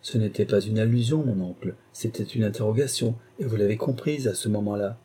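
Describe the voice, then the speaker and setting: A man reading an audiobook who voices a calm, dignified young magistrate speaking in a cool, composed, firm way. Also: fairly low pitch, a little fast, breathy edge.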